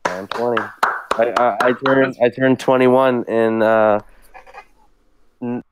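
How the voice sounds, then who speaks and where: A man's voice: medium pitch, steady tone, noisy background. A man of twenty, a podcast guest, who jokes around and stumbles over his words. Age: 20s. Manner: joking, halting, repeats himself. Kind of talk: casual podcast chat.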